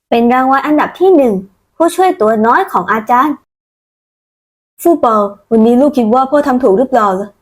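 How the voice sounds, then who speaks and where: A woman reading out a manga recap, voicing every character herself. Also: high-pitched. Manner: switches between character voices. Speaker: narrator voicing all characters.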